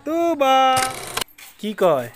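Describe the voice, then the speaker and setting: A young man and father talking outdoors in a park, gently coaxing and soothing his crying child. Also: very high-pitched, huge pitch swings, very slow, background noise. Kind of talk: casual family outing talk.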